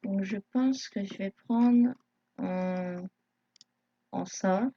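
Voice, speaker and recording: A woman's voice: mid-range voice, drawn-out words, no room sound. Hesitant young-sounding woman. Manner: hesitant, many fillers, self-conscious beginner. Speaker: YouTube tutorial maker. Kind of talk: live screen tutorial narration. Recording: dull lo-fi home recording.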